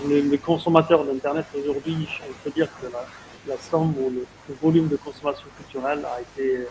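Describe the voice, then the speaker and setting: A man moderating an online panel discussion over a video call, speaking in a halting conversational way full of fillers and repeated words. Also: fairly high pitch. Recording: dull lo-fi video call audio with faint noise.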